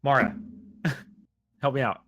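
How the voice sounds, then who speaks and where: A man narrating a tabletop game as game master in a rambling, halting way, often laughing. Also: mid-range voice, flat delivery, fairly bright tone, no room sound.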